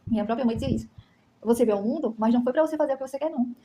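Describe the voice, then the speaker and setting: Fast-talking Brazilian woman giving testimony. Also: fairly high pitch, mellow, slight background noise. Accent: Brazilian Portuguese. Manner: emphatic, keeps asking "entendeu?". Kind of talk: personal testimony to camera.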